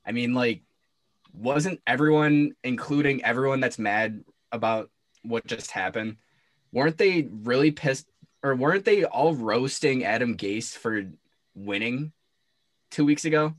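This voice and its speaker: A man's voice: medium pitch, measured pace. A young man co-hosting a sports podcast, talking in an incredulous, sarcastic casual way. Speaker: podcast co-host.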